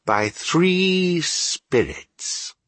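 A man voicing an anguished, remorseful male ghost in a theatrical storybook reading, wailing and solemn in a slow, declamatory way. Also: a little high, big pitch swings, a bit bright, no room sound, pitched above the performer's own voice, full character voice. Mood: solemn warning.

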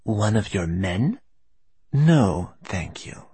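Guy doing a scolding little old moss woman healer, raspy and gravelly, slow and swoopy, storybook reading. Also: lowish voice, very animated, warm tone, no room sound, heavily acted. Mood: scornful. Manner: gruff, scolding, drawn-out words. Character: tiny old female moss woman healer, blunt and scornful.

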